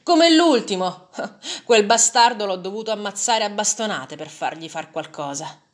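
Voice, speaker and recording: Give me a woman playing a brazen, cruel man shouting harshly, pitched well up. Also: expressive, unhurried, natural voice. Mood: jeering. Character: cruel, brazen male slave buyer.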